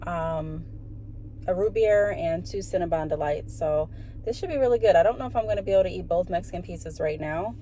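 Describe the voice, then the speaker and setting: A woman's voice: fairly low pitch, fairly quick, dark tone. A woman chatting casually to viewers as a food vlogger, recorded inside a car. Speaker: vlogger ordering and presenting fast food. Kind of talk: casual vlog chat. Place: inside a car at a drive-through and parking lot. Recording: clear car and vehicle noise. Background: car and vehicle sounds.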